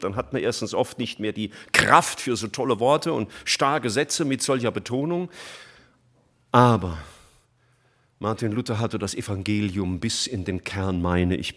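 Earnest German preacher, fervent. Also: male voice, on the low side, fairly bright tone. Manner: earnest, rising to fervent emphasis; emotional, reads scripture slowly. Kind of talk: sermon.

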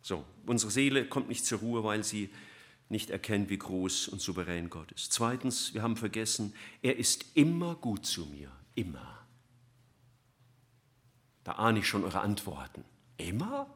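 A man preaching a sermon, swinging between loud emphatic lines and soft, almost whispered ones. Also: lowish voice, big pitch swings, a little slow.

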